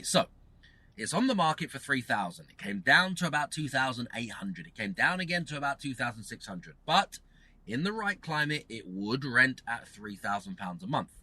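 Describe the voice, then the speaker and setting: A man hosting his own channel talks through a casual lesson in a bright, forceful voice. His pitch swings widely as he repeats phrases for emphasis and keeps asking the listener whether it makes sense. A faint ambience hums behind him. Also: slight background noise, low-quality recording. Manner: emphatic, repetitive, rhetorical questions, swears. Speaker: property investor host. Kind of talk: casual teaching monologue to camera.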